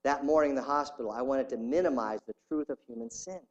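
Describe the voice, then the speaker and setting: A man's voice: medium pitch, lively intonation, fast talker, dull audio. A man preaching a sermon, earnestly reading a story aloud to his congregation. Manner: reads a story aloud with rising intensity, earnest. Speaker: pastor.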